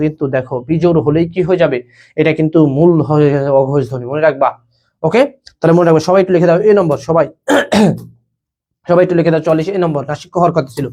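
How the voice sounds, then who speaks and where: A man's voice: on the high side, a little mellow. A young man teaching a live online admission class, quizzing students and repeating each question and answer. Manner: rapid, repetitive, quizzes students, keeps saying "okay bhaiya".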